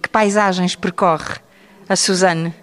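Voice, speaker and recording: A woman conducting a radio interview, asking measured, gentle questions. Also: fairly low pitch, fairly even intonation.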